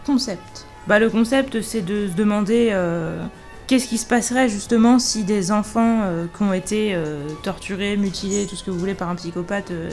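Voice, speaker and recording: A woman with a voice hoarse from allergies, giving a casual book review in an informal, hesitant way, thinking aloud as she goes. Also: medium pitch, moderate pace, a little mellow, faint music behind.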